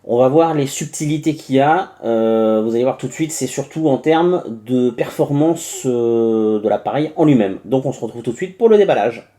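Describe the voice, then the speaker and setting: Chatty French tech reviewer, mellow voice. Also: male voice, mid-range voice, moderate pace, few pauses. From France. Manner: chatty, many hesitations and asides, narrates each step. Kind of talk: casual unboxing review.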